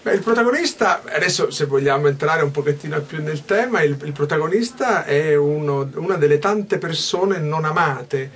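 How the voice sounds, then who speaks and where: A man's voice: on the high side, lively intonation, normal speed, few pauses, a bit bright, a little hiss or hum. A stage actor in his fifties gives a backstage interview in a small dressing room. He talks thoughtfully, gestures a lot and often restarts mid-phrase.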